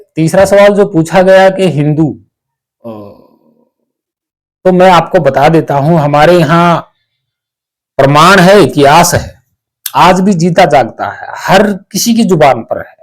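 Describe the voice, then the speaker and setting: A man giving a slow, explanatory spiritual discourse, often checking that listeners follow. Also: a little high. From Haryana, India. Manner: slow, explanatory, asks "ठीक है" to check understanding. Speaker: spiritual teacher.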